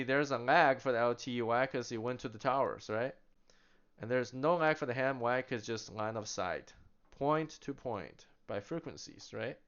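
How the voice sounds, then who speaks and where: In a casual product demonstration, a man with a smooth, resonant, mid-range voice chats in a relaxed way. He keeps asking questions and answering them himself, laughing lightly as he goes. The audio is a bit dull and lo-fi.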